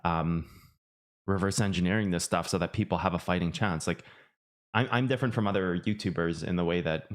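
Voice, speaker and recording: Low-voiced and brisk, a man who runs a finance YouTube channel chats casually during a livestream. His talk is loose and meandering, with frequent restarts and fillers.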